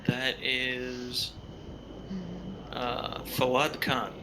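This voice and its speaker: An easygoing man at the gaming table, joking at his own expense in a mid-pitched voice. A clear hiss runs under everything he says. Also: monotone, drawn-out words. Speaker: player. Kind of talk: casual chat between game sessions.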